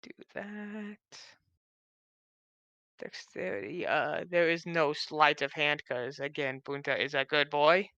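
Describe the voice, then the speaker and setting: A player in a tabletop game, talking casually in an excitable, playful way. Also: medium pitch, slow, no echo, lo-fi sound.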